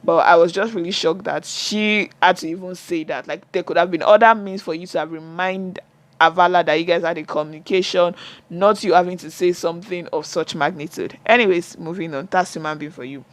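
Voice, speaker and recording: A man talks through a reality show reunion in a chatty vlog, pitched fairly high for a man. His voice sounds dry and close, with no room echo. He keeps up a running retelling, tossing in exasperated comments to the audience. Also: steady tone, a little fast, fairly bright tone. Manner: chatty, retells what was said, many "and all" fillers; exasperated asides to viewers. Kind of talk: casual recap vlog.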